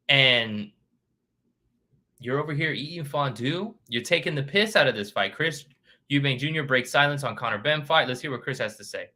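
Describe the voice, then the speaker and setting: A man's voice: mid-range voice, bright, forceful tone. A man hosting a casual boxing vlog, reading news headlines aloud and chatting with lots of fillers. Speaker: boxing channel host.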